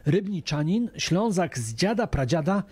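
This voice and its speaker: A man's voice: high-pitched, sing-song, measured pace, darkish tone, slightly rough. A man narrating a scripted television news report as the reporter. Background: music.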